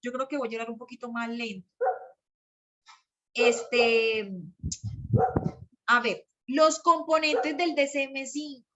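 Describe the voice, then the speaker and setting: A woman with a Colombian accent teaching psychology students in a live online class, excitable, repeating herself and talking fast. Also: a little high, muffled recording. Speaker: psychology lecturer.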